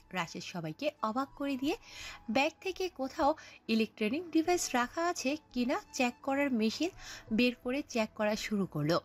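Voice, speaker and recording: A woman narrating a scripted audio story, telling it in an expressive storytelling manner. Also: high-pitched.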